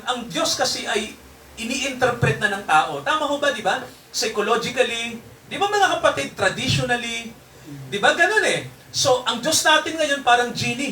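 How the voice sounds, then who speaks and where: A man's voice: very high voice, pushed and bright, echoey room, far from the mic, slight background noise. A man preaching a sermon to his congregation in a mix of Tagalog and English, constantly checking in with tag questions. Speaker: pastor. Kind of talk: Taglish sermon.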